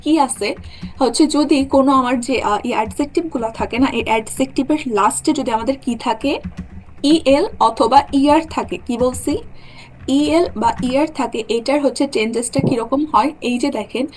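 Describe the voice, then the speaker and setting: A woman's voice: sits high, fairly quick, slight background noise. A young woman teaching a German class, explaining rules step by step and often checking that her students follow. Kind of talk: online class lecture.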